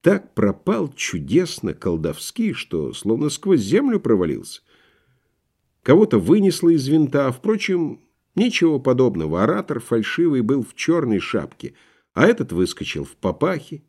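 A man reading a novel aloud as an audiobook narrator, expressive and vivid. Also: medium pitch, normal speed, husky. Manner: expressive, acting out crowd voices.

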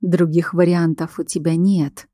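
Brief: female narrator doing a calm, controlling male werewolf alpha, slow and low-pitched. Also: no room sound, studio quality. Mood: menacing.

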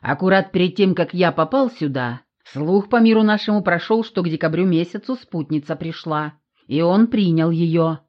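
Woman doing a bass-voiced village man. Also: normal speed, lo-fi sound, natural voice. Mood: assured. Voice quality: deep, bassy. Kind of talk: audiobook character voice.

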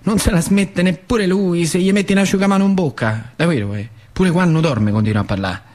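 A high-pitched, brisk male voice with a northern Lazio accent of central Italy carries this animated theatre monologue. The actor and storyteller uses colloquial working-class dialect, repeats phrases for emphasis, and performs over music.

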